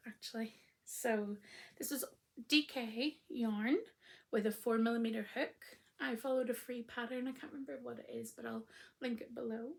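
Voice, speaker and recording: This woman's voice is fairly high in pitch and still croaky from a recent illness. She hosts a laid-back crafting podcast about knitting, chatting and rambling with lots of ums.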